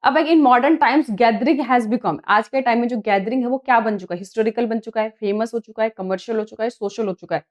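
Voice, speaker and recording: Woman, teacher, Hindi accent, fairly high voice, slow read-aloud questions, exam-prep explanations. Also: dull audio. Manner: reads English questions slowly, then explains in Hindi.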